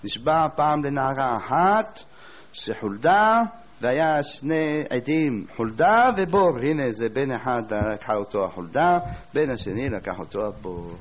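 A man preaching a sermon, telling a story as a lively storyteller who asks rhetorical questions. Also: mid-range voice. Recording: dull lo-fi recording.

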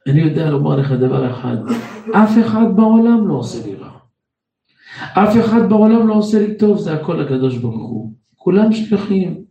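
A man voicing a humble, devout father close to sixty who accepts everything calmly, speaking earnestly in a roomy echo from a distant mic. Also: on the high side, gravelly, highs cut off.

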